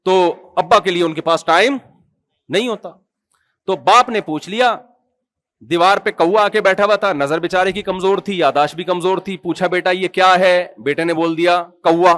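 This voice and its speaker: High-voiced Pakistani preacher, dry sound. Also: male voice, no room sound. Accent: Pakistani Urdu. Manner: humorous, animated storytelling with acted quotes; asks the audience questions. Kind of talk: sermon.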